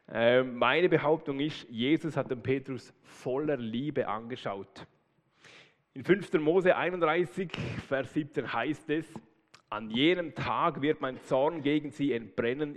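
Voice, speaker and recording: A man preaching a sermon in a lively, conversational way with casual asides. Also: medium pitch. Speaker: pastor. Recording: long hall reverb.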